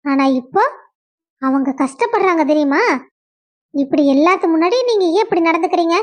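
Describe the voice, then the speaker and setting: A woman's voice: very high-pitched, animated, moderate pace. A young woman acting a distraught wife who pleads with her husband in an emotional web drama. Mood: indignant.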